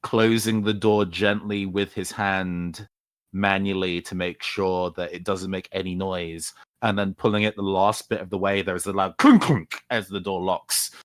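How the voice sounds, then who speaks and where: A man playing a tabletop role-playing game, relaxed as he describes what his character does, with some fillers. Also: low voice, measured pace, no echo. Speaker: player.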